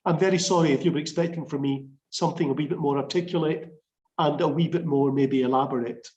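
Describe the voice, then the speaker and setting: A man with a Scottish accent speaks as a priest, earnest and plain-spoken, pausing now and then to find his words. His voice sits fairly high for a man. The video call sound is roomy, with some echo. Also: fairly even intonation, darkish tone, muffled recording. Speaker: priest giving a reflection. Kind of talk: unscripted reflective talk.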